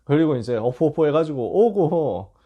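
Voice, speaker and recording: A male pastor giving a casual, animated storytelling sermon to teenagers. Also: a little high, moderate pace, slightly rough, dull audio. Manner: casual and animated, acting out scenes.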